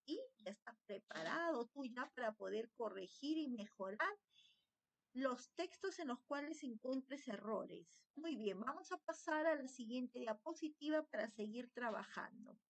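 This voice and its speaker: A woman teacher gives a slideshow lesson to children at a slow, patient pace. Her fairly high voice moves a lot up and down. She keeps checking that the class is following along. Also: expressive.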